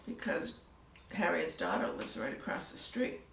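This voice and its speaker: An older woman telling her story in a casual interview, soft-spoken and trailing off into near-whispers. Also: fairly low pitch, sing-song, normal speed, vocal fry, slight background noise. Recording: echoey room, mic at a distance, faint ambience.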